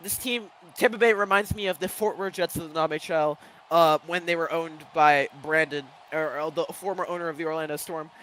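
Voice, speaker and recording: Excitable high-voiced male commentator. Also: slight background noise. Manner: excitable, rapid-fire calls with loud bursts. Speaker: play-by-play commentator. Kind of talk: live game commentary.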